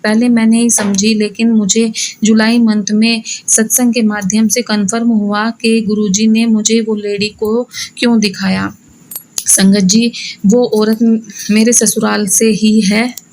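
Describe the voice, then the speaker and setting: A woman narrates a devotional testimony in scripted storytelling form, in the first person. Her voice sits a little high, and she keeps a fairly even, level melody. She keeps coming back to a respectful address to her listeners. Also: measured pace, rough recording. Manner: repeatedly addresses listeners as "sangat ji". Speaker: radio-style host narrating devotees' testimonies.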